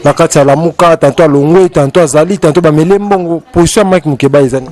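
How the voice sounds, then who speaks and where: A man's voice: fairly high pitch, fast, darkish tone. A man interviewing a guest, asking short probing questions and addressing him respectfully.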